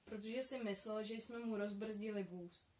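A shy young boy from a storybook, sounding a little sorry for himself, read by a woman in her own voice. He speaks gently and plaintively, at a middle pitch. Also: steady tone, lightly acted. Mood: rueful.

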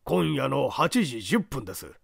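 A man voicing a sly phantom thief who speaks in a hoarse old man's voice, mockingly polite and unhurried. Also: medium pitch, very animated, no room sound, studio quality, exaggerated voice. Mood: mocking politeness. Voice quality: hoarse, gravelly. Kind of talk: audiobook character voice.

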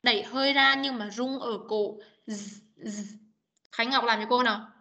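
High bright-voiced woman teacher on a call. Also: steady tone, a little fast. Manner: patient, coaxing, models sounds repeatedly. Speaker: English teacher. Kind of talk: online class coaching pronunciation. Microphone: video call. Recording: dull muffled video call audio.

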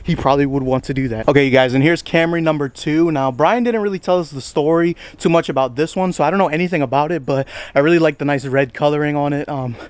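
A man's voice: fairly high pitch, quick pace, few pauses, clean tone, no echo. Chatty young man vlogging on a trail. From United States. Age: 20s. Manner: rambling, slangy, self-deprecating, says bro a lot. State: a little out of breath. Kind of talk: casual walking vlog. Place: outdoors on a wooded estate trail.

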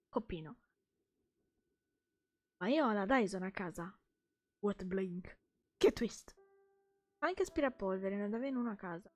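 A woman's voice: fairly high pitch, no echo. A young Italian woman streaming a game, chatting playfully with her chat and laughing often. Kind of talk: casual live gameplay chat.

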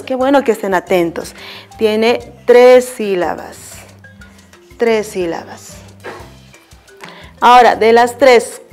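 A woman primary school teacher with a Bolivian Spanish accent gives a televised lesson at a mid pitch. She speaks slowly and patiently, asking the children questions and answering them herself with warm praise in between.

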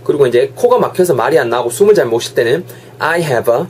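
A young man teaching English phrases in an online lesson, energetic and drilling each phrase by repetition. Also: medium pitch, fast, slight background noise.

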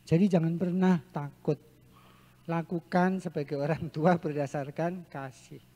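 Man, seminar speaker, lively teaching manner, echoing hall. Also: fairly high pitch, measured pace, lo-fi sound. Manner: lively teaching voice, often acts out quoted parents and children. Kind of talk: seminar talk. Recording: echoey hall.

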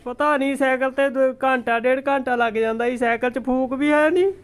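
A man with a Punjabi accent answering a scam call, playing along respectfully in a deadpan way. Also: very high voice, brisk.

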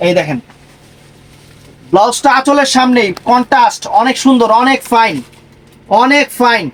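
High-pitched man selling sarees. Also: animated, moderate pace, fairly bright tone, poor audio. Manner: repetitive, emphatic patter. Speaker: online saree seller. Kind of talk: live sales pitch.

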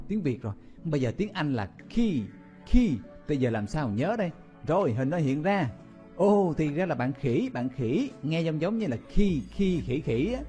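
A man's voice: a little high, dark tone. A man teaching vocabulary in a playful, exclaiming way, often repeating each word. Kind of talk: memory-palace vocabulary lesson.

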